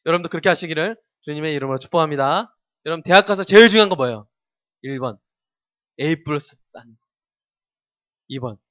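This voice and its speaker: Male preacher, high bright delivery, quizzes his youth congregation, dry, dull lo-fi capture. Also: fast talker, pauses often, no echo. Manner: keeps asking the congregation questions and leading call-and-response. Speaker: pastor.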